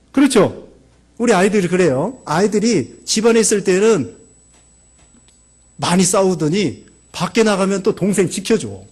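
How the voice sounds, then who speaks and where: A man preaching a sermon as pastor of a church, emphatic, stacking verbs in long lists and swinging between urgent high emphasis and quiet low asides. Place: church sanctuary.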